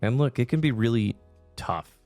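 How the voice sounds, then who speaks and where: A man's voice: mid-range voice, expressive, normal speed, a little mellow, no room sound. A man giving earnest, reflective opinion commentary to viewers, speaking with emphasis. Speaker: video game commentator. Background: background music.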